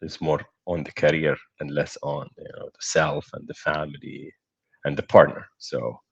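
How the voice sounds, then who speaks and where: A man with a very deep, gravelly morning voice speaks as a guest on a video call. He talks in a measured, reflective way, and his voice sounds husky. The audio is muffled. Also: big pitch swings. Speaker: guest, startup founder. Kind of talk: casual interview over video call.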